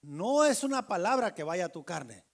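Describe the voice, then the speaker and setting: Pastor guy preaching, high voice, storytelling, talks right to the crowd. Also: very animated, moderate pace, vocal fry. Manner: storytelling preacher addressing the congregation directly. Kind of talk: sermon.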